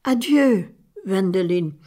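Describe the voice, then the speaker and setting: A woman's voice: mid-range voice, expressive, takes it slowly, warm tone. A woman voicing a feverish, dying male priest who speaks faintly and short of breath. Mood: weak, faint.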